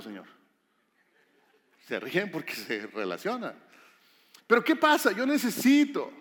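A man preaching a sermon as a pastor, lively and asking the congregation questions. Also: on the high side. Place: church hall. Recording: long hall reverb.

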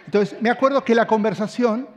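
A middle-aged man with an Argentine accent preaching a sermon, an animated storyteller who swings from hushed tones to shouting. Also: sits high, brisk, dull audio. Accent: Argentine Spanish. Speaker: pastor. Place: large hall with audience. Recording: long hall reverb.

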